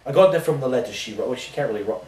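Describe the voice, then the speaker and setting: A man playing an oblivious washed-up rock singer in a mock interview, rambling deadpan through absurd tangents. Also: medium pitch, rapid-fire, natural voice. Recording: roomy sound from a distant mic.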